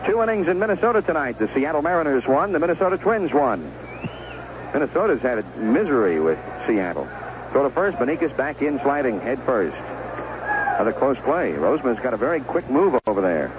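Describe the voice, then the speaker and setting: On a 1970s radio broadcast, a man calls live baseball play-by-play from a stadium booth, mixing short, clipped phrases with conversational description. His medium-pitched voice swings widely in pitch at a brisk pace, captured on a broadcast mic with headset monitoring, and the audio is dull with a noisy background.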